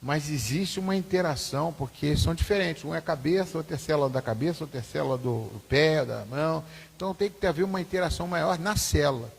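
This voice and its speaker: In a reverberant church hall, a pastor teaches Sunday school in a conversational, repetitive way, frequently putting questions to the class. His husky voice is a little high, and he speaks fast.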